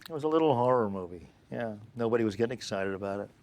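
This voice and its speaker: An older male film producer telling animated interview anecdotes and acting out the dialogue. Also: lowish voice, racing. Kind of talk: interview storytelling.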